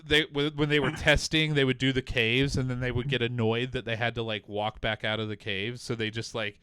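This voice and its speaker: A man co-hosting a casual gaming podcast chat, talking in an animated way, swearing freely and mock-quoting game developers. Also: mid-range voice, fairly quick, clear, resonant tone, no room sound. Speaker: podcast co-host.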